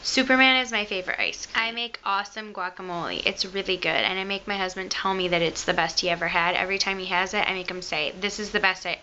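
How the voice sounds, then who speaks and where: A young woman with a Michigan accent, a beauty vlogger, chats self-mockingly to a camera close to her face in her bedroom, full of rambling asides. Her sharp, mid-range voice stays steady and moves quickly with hardly any pauses, and the lo-fi recording carries slight background noise.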